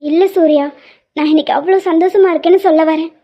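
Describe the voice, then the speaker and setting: A woman's voice: very high voice, steady tone, fast talker, mellow. A woman voicing a tearful young wife in a cartoon, speaking emotionally and pleading. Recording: slightly dull lo-fi audio.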